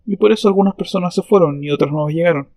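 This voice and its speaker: A man with a gravelly, somewhat high voice answers interview questions. He talks in a thoughtful, reflective way and pauses hesitantly. The sound is close and dry. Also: a little mellow, no echo. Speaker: interview guest.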